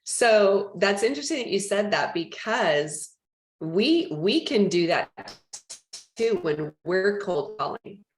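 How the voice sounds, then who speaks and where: A woman leading a real estate team training, talking in a chatty, animated way and acting out phone calls. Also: mid-range voice, takes it slowly, roomy sound.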